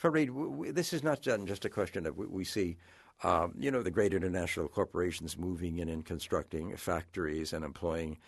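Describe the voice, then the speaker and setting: A man hosting a radio call-in show, asking questions in a halting conversational way with stammering restarts. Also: low voice, vocal fry, breathy edge, dry recording, clean studio sound. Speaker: radio host.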